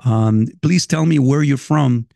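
A man's voice: mid-range voice, a little slow, gravelly, dark tone, no room sound, clean studio sound. A man in his fifties from El Salvador with a Salvadoran Spanish accent, hosting a podcast in a loose, chatty monologue, swearing casually and talking straight to his listeners. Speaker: podcast host. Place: at a desk by his computer.

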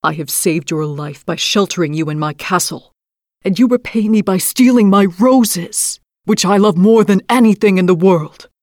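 A woman's voice: fairly low pitch, darkish tone, no room sound, studio quality, lightly acted. A woman voicing a stern, proud male beast in a storybook reading. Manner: stern, commanding.

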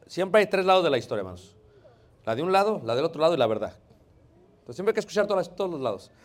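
A man preaching a sermon in a conversational way, often addressing his listeners as brothers and sometimes rising to loud emphasis. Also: a little high.

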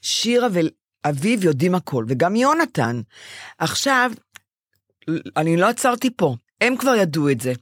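An older woman co-hosting a chat show, telling a long personal story in a lively way and acting out what she said back then. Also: lowish voice, long pauses, no echo, studio quality. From Israel. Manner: animated storytelling, acts out her own past quotes. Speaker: podcast co-host. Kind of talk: casual chat.

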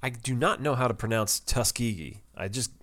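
A man's voice: medium pitch, fairly quick, a bit bright. A man co-hosting a podcast, chatting in an easygoing way and laughing at his own slips. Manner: easygoing, self-deprecating, laughs at himself. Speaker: podcast co-host. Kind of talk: casual chat recapping a TV episode.

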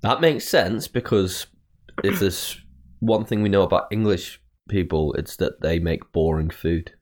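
A man's voice: sits low, a little slow, darkish tone. A man co-hosting a podcast in casual, bantering conversation. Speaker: podcast co-host.

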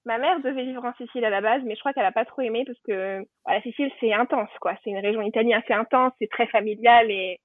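A French woman, appearing as a guest on a casual podcast, tells her family story in a chatty, warm way full of fillers and restarts. Her voice is on the high side, and she talks fast with hardly any pauses. There's no room sound, and the audio is tinny, like a phone line.

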